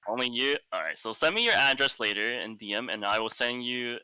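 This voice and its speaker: A man's voice: mid-range voice, expressive, fairly quick, bright, forceful tone, clean tone, dry recording, rough recording. A man casting esports, casually interviewing a player over voice chat, crude and joking, laughing often. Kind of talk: casual post-match interview.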